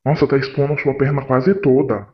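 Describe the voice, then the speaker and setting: Husky man, playful prank vlogger. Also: medium pitch, level tone, a little fast, highs cut off. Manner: playful, theatrical. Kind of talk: casual prank vlog.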